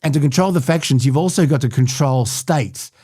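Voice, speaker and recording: A man's voice: on the high side, brisk, warm tone, slightly rough, no echo. An Australian man hosting a podcast, chatting wryly about politics in short bursts. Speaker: podcast host. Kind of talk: casual political chat.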